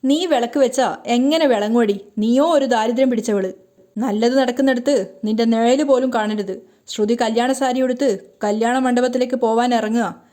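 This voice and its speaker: A contemptuous, commanding woman hurling insults at a poor young wife, read by a woman narrator. The delivery stays soft-toned and fairly high. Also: normal speed, close to an everyday voice. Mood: scornful. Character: scornful woman belittling her poor daughter-in-law.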